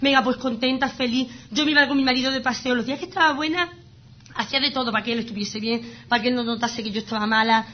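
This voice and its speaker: Fast-talking high-voiced woman. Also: a little hiss or hum. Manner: animated, emphatic storytelling. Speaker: guest sharing her illness story. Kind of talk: casual conversation. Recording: slightly dull lo-fi sound.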